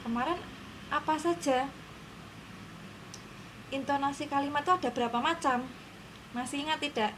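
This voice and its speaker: A woman's voice: high voice, moderate pace, long pauses, a bit bright, a little hiss or hum, rough recording. A woman teaching a lesson to her class, explaining patiently and often checking that her students are following.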